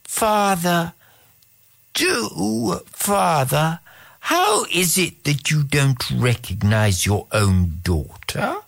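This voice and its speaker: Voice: mid-range voice, very animated, extremely slow, gravelly, voice pushed up, heavily acted. Margot, a sly composed cat, as a reader puts her on. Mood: cool. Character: clever calm female cat. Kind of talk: storybook reading.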